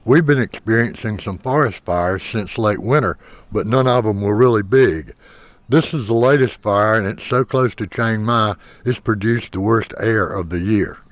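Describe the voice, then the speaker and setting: A man with a fairly low voice narrates as a vlog host. He explains things plainly, now and then pausing or repeating a word as he searches for the next. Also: no echo.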